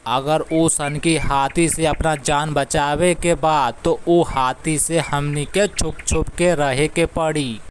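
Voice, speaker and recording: A man's voice: a little high, fairly even intonation, slow, few pauses, a little hiss or hum. A man with a Bhojpuri accent voicing a fearful, resigned male forest animal in a cartoon who gives advice. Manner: resigned, advising.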